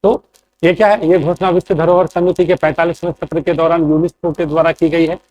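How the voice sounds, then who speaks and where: Male coaching teacher, slightly high voice, lectures with a steady question-and-answer rhythm. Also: fairly quick, a little hiss or hum. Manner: asks quiz questions and answers them, keeps checking in. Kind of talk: classroom lecture.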